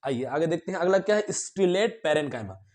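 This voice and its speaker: A man teaching a biology lesson to students, asking questions and answering them himself, clearing his throat now and then. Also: on the high side, expressive, brisk, a little mellow. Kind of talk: classroom lecture to students.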